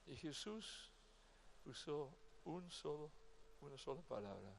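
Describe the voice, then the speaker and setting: Slow, gravelly-voiced male pastor. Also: a little high, lively intonation, a little hiss or hum. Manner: emotional, with sharp swings from loud to hushed. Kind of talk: sermon. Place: convention event.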